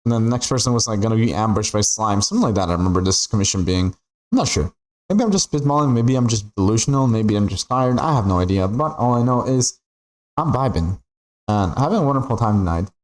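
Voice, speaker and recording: A young man from Peru talks with a slightly low voice while he plays a game for his stream. His chat is loose and rambling, full of fillers like "like" and tag questions. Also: lively intonation, quick pace, poor audio. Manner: rambling, chatty, filler-heavy with frequent "like" and "right?". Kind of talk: casual chat while gaming.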